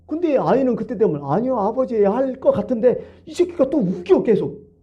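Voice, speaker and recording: A male pastor preaching a conversational, storytelling sermon at a church, swinging between hushed asides and animated bursts, in a dull lo-fi recording. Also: very high voice, moderate pace. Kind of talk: Wednesday service sermon.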